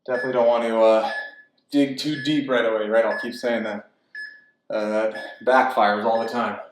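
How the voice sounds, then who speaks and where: A man's voice: mid-range voice, fairly even intonation, moderate pace, a little hiss or hum. A man talking casually between sets of a home workout, out of breath and candid. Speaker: fitness vlogger. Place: apartment home gym. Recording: roomy echo, from far off.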